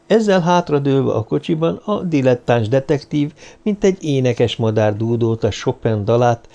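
A man reading an audiobook in measured scripted narration. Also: medium pitch, expressive, gravelly, dark tone, dull audio.

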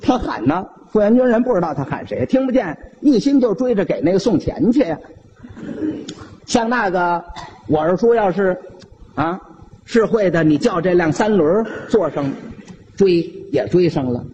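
Male comic storyteller, Beijing accent, high, lively delivery, playful. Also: moderate pace, lo-fi sound, slight background noise. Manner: animated, playful narration.

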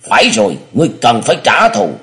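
A man's voice: medium pitch, wildly swooping pitch, fast talker, a bit bright, pitched above the performer's own voice. A man voicing a scheming old male sect elder who coaxes and commands. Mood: coaxing, commanding. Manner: commanding, coaxing.

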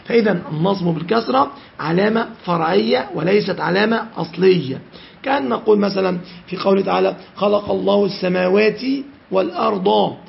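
A man explains grammar as a teacher. His voice is high and very gravelly, and he asks himself questions and answers them. The recording is dull and lo-fi. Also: a little fast, a little hiss or hum. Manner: repeats key phrases, asks and answers his own questions.

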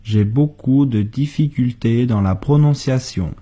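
As co-host of a language lesson, a man with a husky, warm, medium-pitched voice reads model sentences for learners very slowly and deliberately. He says each one, then repeats it word for word, at the unhurried pace of a radio-lesson drill.

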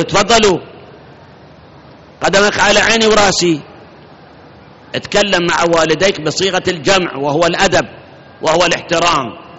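A man's voice: fairly high pitch, bright, forceful tone. A man preaching a sermon in an Iraqi accent, speaking emphatically and directly to his congregation. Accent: Iraqi Arabic. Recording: muffled hall recording with reverb.

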